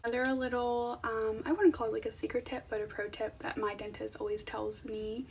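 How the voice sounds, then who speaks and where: A woman's voice: fairly high pitch, steady tone, brisk, vocal fry, distant mic, a little hiss or hum. A young woman talking casually to viewers in an informal, conversational vlog style. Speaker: vlogger. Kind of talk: casual chatty vlog to camera.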